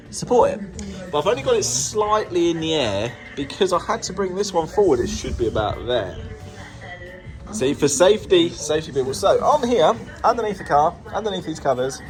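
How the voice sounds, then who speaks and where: A British man chatting casually for a vlog about his own work, playful and jokey, slipping into silly baby-talk words. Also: fairly high pitch. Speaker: car dealer filming a repair vlog.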